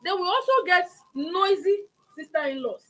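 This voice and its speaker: A woman's voice: extremely high pitch, moderate pace, pushed and bright. A woman with a Nigerian accent hosting a conversational talk, acting out examples as she explains. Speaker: talk show host.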